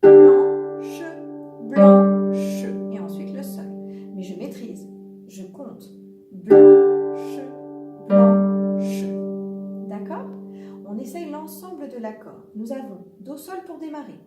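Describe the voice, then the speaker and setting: A woman's voice: sits high, expressive, normal speed, reverberant, distant mic. A woman giving a patient, step-by-step piano lesson, counting the beats aloud as she plays. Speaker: piano teacher.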